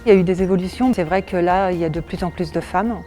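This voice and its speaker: Woman, 40s, volunteer firefighter; sincere, unhurried testimony, soft music bed. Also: lowish voice. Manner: plain, earnest, hesitant fillers. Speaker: volunteer firefighter and nursing assistant. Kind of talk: interview testimony.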